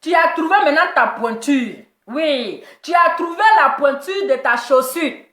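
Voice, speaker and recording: A woman delivers a mocking gossip rant in a high, bright-pitched voice, teasing and repeating her jokes with laughter. The sound is echoey, as if recorded in a bare room. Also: unhurried. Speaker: commentator reacting to celebrity gossip.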